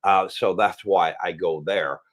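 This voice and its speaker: A man's voice: low voice, steady tone, a little slow. A man from the United States co-hosting a casual livestream, chatting and telling stories with frequent laughs. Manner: chatty storyteller, laughs often. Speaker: livestream co-host.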